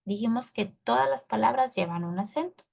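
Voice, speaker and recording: A woman's voice: fairly high pitch, brisk, gravelly, a little mellow. A woman teacher, explaining a lesson patiently and often checking with her students. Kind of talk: recorded class lesson.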